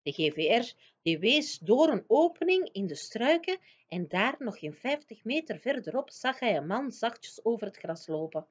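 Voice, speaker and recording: A woman's voice: fairly high pitch, big pitch swings, moderate pace, slightly rough. Woman reading a story aloud. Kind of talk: reading a children's book aloud. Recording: dull lo-fi recording.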